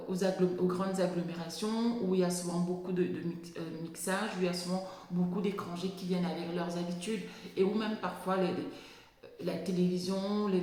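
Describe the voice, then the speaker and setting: Woman, lisped s, lowish pitch, casual explanatory vlog talk, halting with repeated words, strongly reverberant room. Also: a little mellow. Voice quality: lisp on s sounds. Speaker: video blogger on natural hair. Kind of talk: casual explanatory monologue with anecdotes.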